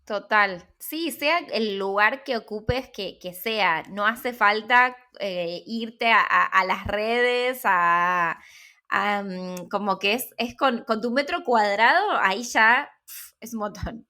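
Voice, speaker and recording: Speaking slowly at a medium pitch, this Argentine-accented woman has a sharp tone. She's an interviewer and personal branding consultant in a casual interview, musing informally and circling back to rephrase her points.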